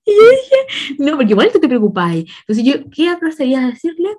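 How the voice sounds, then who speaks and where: A woman's voice: sits high, very animated, quick pace, a little mellow. A woman with a Chilean accent chatting casually, telling stories in a slangy, laughing way. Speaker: podcast co-host. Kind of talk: casual chat.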